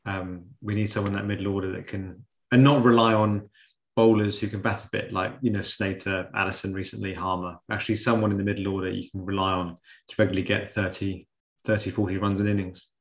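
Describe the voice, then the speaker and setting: Low-voiced man chatting in an echoey room. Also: level tone, fast talker. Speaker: podcast co-host. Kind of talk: casual sports discussion. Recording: roomy, echoing sound.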